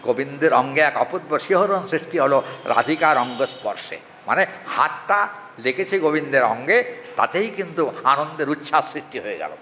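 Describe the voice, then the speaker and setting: A man giving a devotional scripture talk, chanting Sanskrit verses slowly and often asking his listeners questions. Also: on the high side, lively intonation, bright, forceful tone. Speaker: religious reader and preacher. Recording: hall reverb, faint ambient noise.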